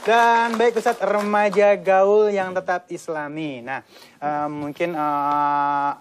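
A woman's voice: lowish voice, fairly even intonation, slow pace, noisy background. A woman TV host leading a religious talk show, agreeable and filling in with short affirmations. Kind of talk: hosting a televised religious talk.

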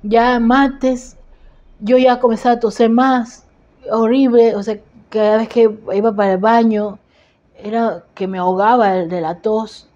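A woman's voice: fairly high pitch, measured pace, muffled recording. A woman with an Ecuadorian accent in a TV interview, telling a personal account and acting out what each person said. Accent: Ecuadorian Spanish. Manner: animated storytelling, acts out quoted dialogue. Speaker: interviewee recounting illness.

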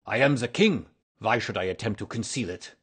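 A proud foreign nobleman from a storybook, acted out by a man. He speaks with pompous formality and heavy emphasis, in a rough-edged, husky male voice that carries agitated self-importance. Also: lowish voice, moderate pace. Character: proud, agitated, aristocratic Bohemian king in disguise.

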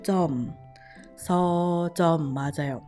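Mellow-voiced Thai woman teaching Korean. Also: very slow, soft background music. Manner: lively, coaxing, drills words syllable by syllable. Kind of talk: casual video lesson.

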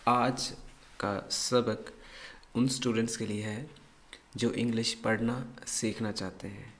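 A man's voice: on the low side, fairly even intonation, a bit bright. A man teaching a phonics lesson, repeating each word with exaggerated stress to model how it should sound. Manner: deliberate, repeats words to model pronunciation. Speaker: English teacher.

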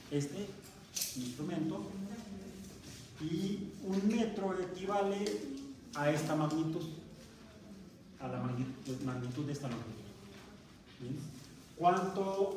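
In a very echoey university classroom, a male math teacher with a Mexican Spanish accent and a somewhat high voice delivers a lecture. He quizzes the class and restarts words as he goes. The recording, made from far away, is noisy.

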